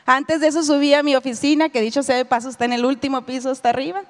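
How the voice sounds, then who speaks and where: A middle-aged woman with a high voice gives a talk to an audience, speaking to them directly as she tells a personal story. Her voice rings out with a long reverb, as in a big hall. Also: steady tone, fast talker. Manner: storytelling, addresses listeners directly, acts out quoted dialogue. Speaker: lecturer giving a personal testimony. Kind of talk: spoken lecture to an audience.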